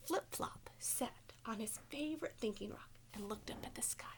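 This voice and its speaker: This elementary school teacher whispers at a normal speed, her pitch fairly high. She reads a picture book to children with expression, stopping to ask them simple questions.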